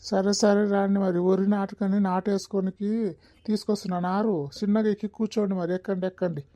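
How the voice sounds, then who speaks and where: A woman's voice: medium pitch, little pitch movement, quick pace, natural voice. A woman playing a busy village bullock-cart driver, calling to the bullocks and scolding the children in a comedy skit. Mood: calm. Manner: shouts calls at bullocks, chides the children.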